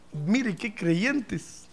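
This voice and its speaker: Animated, gravelly-voiced preaching man. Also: high-pitched. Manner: animated, humorous storytelling, acting out congregants' voices. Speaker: pastor. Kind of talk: sermon.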